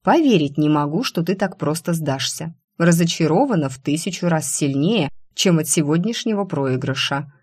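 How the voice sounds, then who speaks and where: A woman voicing a sharp-tongued young female classmate who scolds and mocks in a sarcastic way, in an audiobook. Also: sits low, expressive, moderate pace, hardly any pauses, slightly rough. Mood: mocking. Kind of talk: audiobook character voice.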